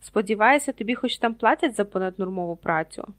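A woman's voice: mid-range voice, lively intonation, brisk, lightly acted. A woman reading the lines of a cold, haughty aristocratic wizard with a disdainful manner.

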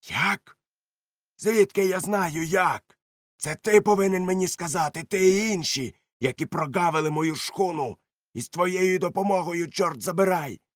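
A man voicing a crafty one-legged pirate cook who leads the crew, switching between shouted threats and sly, soft mockery, in an audiobook reading. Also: mid-range voice, a little slow, dry recording, studio quality, voice pushed up. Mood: furious.

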